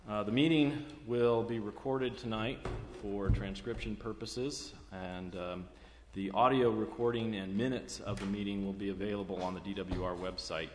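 An American man chairing a formal public meeting in a measured, procedural way. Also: on the low side, fairly even intonation. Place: large echoey indoor meeting room. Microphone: meeting microphone. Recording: echoey meeting room, clear background noise.

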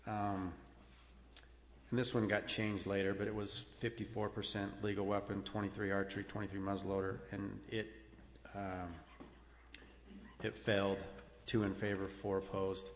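An American man giving a halting, matter-of-fact report to a public meeting. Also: lowish voice, level tone. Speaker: council member giving a board update. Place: large echoey indoor meeting room. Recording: echoey meeting room, background noise.

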